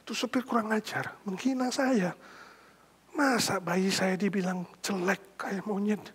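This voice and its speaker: A man's voice: high-pitched, fairly even intonation, measured pace, fairly bright tone, breathy edge, heavily acted. A man voicing an offended young mother complaining on a city bus, in a sermon story. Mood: indignant. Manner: aggrieved, complaining.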